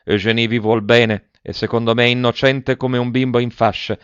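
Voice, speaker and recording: A man reading aloud voices a frail, feverish elderly wife who pleads softly with her husband. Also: mid-range voice, little pitch movement, moderate pace, smooth, dry recording, lightly acted. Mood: pleading. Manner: soft, pleading, timid. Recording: dull dry lo-fi recording.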